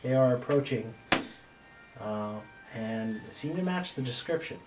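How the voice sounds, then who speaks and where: A man's voice: medium pitch, a little slow, distant mic, music in the background. Casual male dungeon master in an echoey room. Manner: relaxed, rambling narration with fillers. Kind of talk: narrating a tabletop game.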